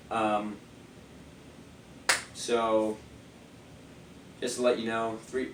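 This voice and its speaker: A sniffly man, slightly nasal from a cold, casually reviews party speakers with a medium-pitched voice, rambling loosely and using lots of fillers. The mic sits at a distance in an echoey room, and there's slight background noise.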